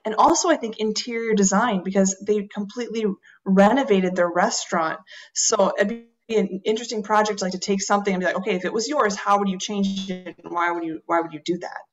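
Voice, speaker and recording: A woman teacher brainstorms eagerly with colleagues about a book. Her voice is middle pitched. The audio comes through dull and lo-fi. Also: steady tone, a little fast. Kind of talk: book club discussion.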